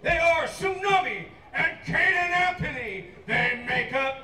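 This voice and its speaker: A man doing lucha libre style ring announcing, booming out theatrical introductions and stretching out the names over a PA. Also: lively intonation, a little slow, gravelly, pushed and bright, raised voice, slight background noise. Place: live wrestling event. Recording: distant echoey PA over music and crowd.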